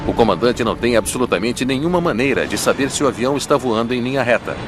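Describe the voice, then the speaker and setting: A man's voice: mid-range voice, lively intonation, fast, heavy background noise. A man with a Brazilian accent giving dramatic scripted documentary narration as a voice-over. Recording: studio voice-over with music bed. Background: music.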